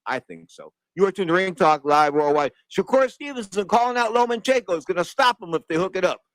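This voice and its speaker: A man's voice: high voice, lively intonation, brisk, fairly bright tone, no room sound. A man hosting boxing talk radio in a slangy, opinionated monologue. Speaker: radio sports show host. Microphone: close studio broadcast microphone.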